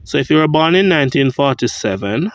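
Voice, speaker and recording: A man with a Jamaican accent, walking through a churchyard cemetery on a vlog, reading grave inscriptions aloud and thinking out loud. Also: on the high side, expressive, a little fast, no room sound. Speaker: vlogger.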